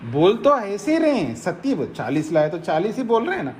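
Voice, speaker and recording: Speaking in a lively voice that rises and falls, a male swami from India gives a spiritual discourse on scripture, hammering each point home with repetition and everyday examples. His voice sits high and his pace is brisk, with a faint hum of room ambience in the background.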